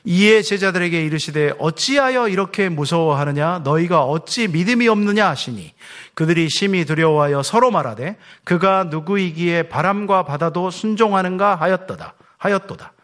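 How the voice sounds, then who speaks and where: A man's voice: high voice, normal speed, a bit bright. A male pastor preaching a sermon, asking rhetorical questions and dropping his voice at the ends of phrases.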